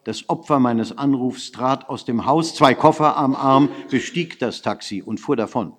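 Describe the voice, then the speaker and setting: A man narrating a literary story in the first person, measured, hushed and intent. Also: medium pitch. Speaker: audiobook reader. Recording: long reverb.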